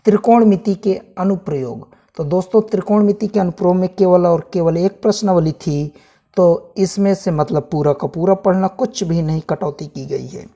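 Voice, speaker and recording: A man's voice: high voice, normal speed, mellow, dull audio. A man teaching, casually walking viewers through a maths syllabus chapter by chapter, repeating each item and calling viewers friends. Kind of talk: casual syllabus walkthrough lesson.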